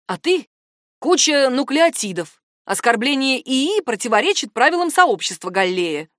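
A woman doing a calm male AI assistant. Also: high-pitched, dry recording, clean studio sound, pitched above the performer's own voice. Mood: calm, insistent. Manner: measured, soothing, slow.

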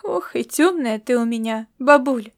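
A woman voicing a patient young man in an audiobook, soothing his grandmother with calm, gently mocking words. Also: a little high, unhurried. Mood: gentle.

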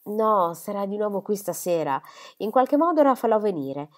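A woman voicing a calm middle-aged male country doctor who speaks in a measured, reasoning way. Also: mid-range voice, natural voice.

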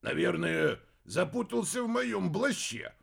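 A man doing a gravelly mild old wizard. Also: a little high, expressive, measured pace, a bit bright, full character voice. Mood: calm. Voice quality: gravelly, husky. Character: mild grumbling wizard in a hat, patient.

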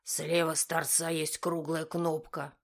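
A woman reading a steady middle-aged man giving orders. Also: low voice, measured pace, gravelly, heavily acted. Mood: patient. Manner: steady, instructive, commanding. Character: calm middle-aged man, patient then stern instructor.

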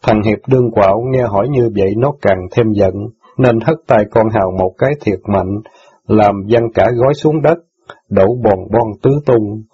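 A man narrating an audiobook in calm, measured storytelling. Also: lowish voice, slightly rough. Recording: dull lo-fi audiobook recording.

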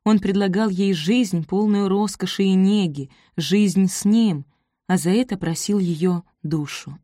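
A woman reading a romance novel aloud as narrator, measured and even. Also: medium pitch, no room sound, clean studio sound. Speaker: audiobook narrator. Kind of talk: scripted narration.

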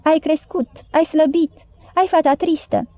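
A hoarse, dying beast-man forces out each word with effort, as a woman reads him aloud. The recording is dry and narrow, like a phone line. The voice sits high. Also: steady tone, dry recording, close to an everyday voice. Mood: weary. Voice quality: hoarse, labored.

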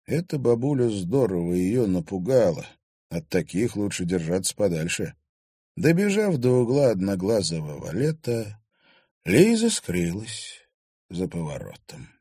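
A man reads an audiobook in a measured, expressive voice. His intonation moves a lot, and the recording is close and dry. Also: lowish voice, slightly rough, no room sound. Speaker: audiobook narrator. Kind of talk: scripted narration.

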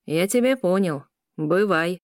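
A woman's voice: fairly low pitch, expressive, measured pace, dry recording, clean studio sound. A woman voicing an irritated young man who talks curtly. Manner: curt, irritated.

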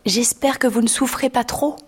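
An actress playing Alice, a polite, kind young girl in a radio drama, speaking gently and a little timidly. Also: fairly high pitch, steady tone, moderate pace, breathy edge.

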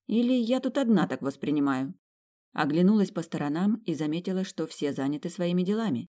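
A woman reading an audiobook aloud, telling a story in the first person with a wry, lively manner. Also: deep voice. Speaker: audiobook reader. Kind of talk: first-person narration of a fantasy romance.

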